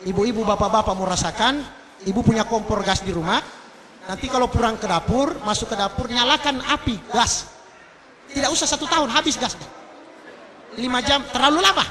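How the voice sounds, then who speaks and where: Male preacher, very high voice, fervent sermon with a crowd heard behind. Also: fairly quick. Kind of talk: sermon at a mass religious gathering. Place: large public gathering.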